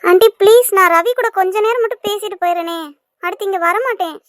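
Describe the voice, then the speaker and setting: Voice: very high voice, fast, fairly bright tone, no room sound, clean studio sound. A performer voicing a remorseful young woman from a rich family who pleads and apologizes in a cartoon. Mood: pleading. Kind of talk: cartoon voice acting.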